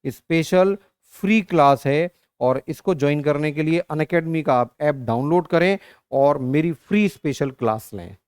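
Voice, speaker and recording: A man's voice: on the high side, normal speed, darkish tone, clean tone, no room sound, studio quality. A man teaching an exam-prep lesson, working through arithmetic step by step and asking and answering his own questions, calling students "beta". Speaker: online reasoning teacher.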